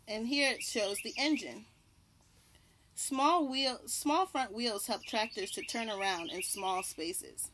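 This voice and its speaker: Birds chirp amid light outdoor sound as a young adult read-aloud host, out on a house porch by the trees, reads a picture book to kids, taking her time and pausing to point at and label the pictures. Her voice is fairly high and fairly bright.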